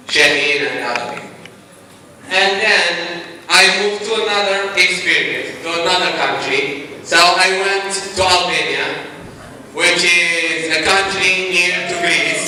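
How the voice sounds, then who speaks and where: A man's voice: high voice, bright, forceful tone, slight background noise. A young man from Algeria, chatty and upbeat, giving a casual talk to a conference audience in a large hall. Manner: chatty, upbeat, rallies the crowd. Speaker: conference speaker. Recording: echoey hall, mic at a distance.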